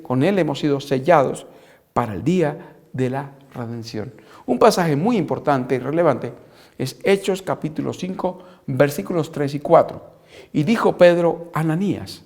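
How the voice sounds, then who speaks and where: A man with a slightly high voice teaches a recorded Bible lesson. He reads scripture aloud in a measured way and slows down deliberately to spell out key words. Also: a little mellow. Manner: deliberate, spells out terms slowly. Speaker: Bible instructor. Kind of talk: recorded apologetics lecture.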